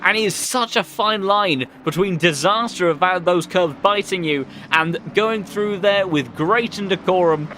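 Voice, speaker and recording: A man works as a motorsport commentator, calling the race in a high, bright and forceful voice. His play-by-play flows along descriptively with colourful phrasing, over faint background noise. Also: unhurried, hardly any pauses. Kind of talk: live sim-racing race commentary.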